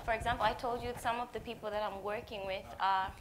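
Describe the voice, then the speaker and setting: A woman's voice: fairly high pitch, steady tone, fast talker, noisy background. Hesitant woman answering a panel. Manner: hesitant, filler-heavy. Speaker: pitch competitor.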